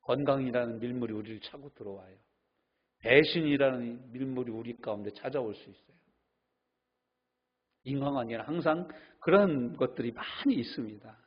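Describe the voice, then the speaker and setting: A man's voice: medium pitch, normal speed, breathy edge, muffled recording. A middle-aged male pastor preaching a sermon, telling stories and acting out the voices of the people he quotes.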